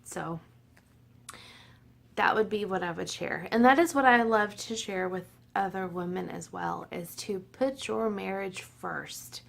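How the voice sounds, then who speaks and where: Here a vlogger in her forties, a bit tipsy, has a casual chat with her audience from home, laughing a lot and joking at her own expense. She speaks at a measured pace in a gravelly, mid-range voice.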